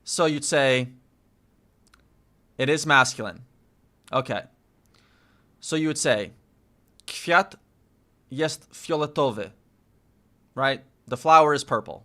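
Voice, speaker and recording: A man who is a native English speaker practices Polish with an English-speaking accent, thinking aloud casually, repeating phrases slowly and checking himself with questions. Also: medium pitch, sharp tone. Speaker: language learner streaming his study.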